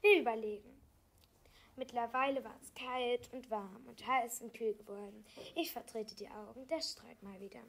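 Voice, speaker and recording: A woman reading aloud a self-written fantasy story, halting, with small slips and restarts. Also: on the high side, fairly even intonation, vocal fry, a bit bright.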